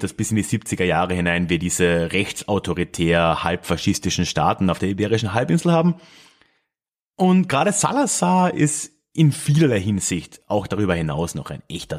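A man with a fairly low voice talks through history in a relaxed, conversational way. He thinks aloud, restarts his phrases and drops in little asides. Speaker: podcast host explaining history. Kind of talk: casual spoken history talk.

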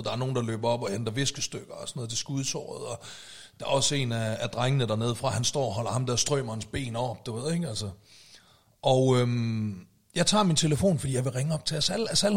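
A man telling a story in casual podcast chat, acting out shouted quotes. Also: medium pitch. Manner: animated, acts out shouted quotes.

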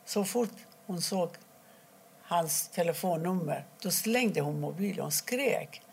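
A middle-aged woman from Iran, telling her own story in an interview, quietly and haltingly, with many pauses. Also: lowish voice, animated, vocal fry, a little hiss or hum. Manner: halting, quiet and emotional, pausing often. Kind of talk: personal testimony interview.

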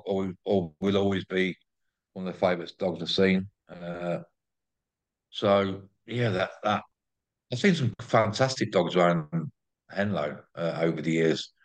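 Man, English accent, low pitch, enthusiastic, informal, repetitive phrasing. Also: measured pace. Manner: effusive, repeats words and phrases. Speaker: interview guest, greyhound track promoter. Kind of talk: casual enthusiastic chat.

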